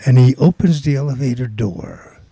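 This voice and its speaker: A man's voice: medium pitch, moderate pace, warm tone, breathy edge, no room sound, studio quality. An older man casually telling a long, rambling anecdote as a guest, with many fillers and restarts. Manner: rambling, filler-heavy storytelling. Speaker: guest storyteller.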